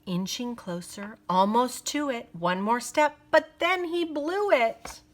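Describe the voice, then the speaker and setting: Reading a children's picture book aloud, a woman with a fairly high voice uses an expressive, unhurried storytelling style.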